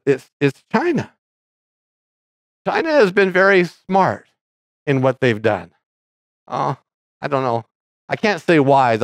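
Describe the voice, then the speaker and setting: A man's voice: sits high, no room sound. Conversational male pastor, dry sound. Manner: conversational, rambling with frequent restarts. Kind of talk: sermon.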